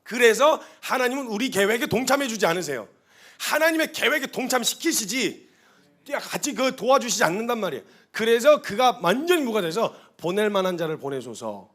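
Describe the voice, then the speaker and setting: A male missionary preaching a sermon to a seated church congregation, telling the story with animated delivery and acting out quoted dialogue. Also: very high-pitched, fairly quick.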